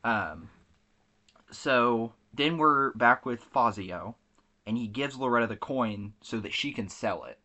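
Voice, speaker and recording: A man's voice: medium pitch, lively intonation, takes it slowly, pushed and bright. A man co-hosting a podcast, casually recapping a movie plot with lots of fillers and restarts. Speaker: podcast co-host.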